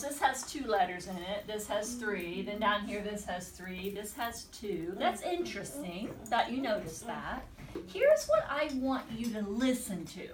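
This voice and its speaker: Woman, teacher, classroom lesson, slow deliberate repetition, lively pitch, distant echoey room noise. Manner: encouraging, repeats words slowly and deliberately. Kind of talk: classroom word-study lesson.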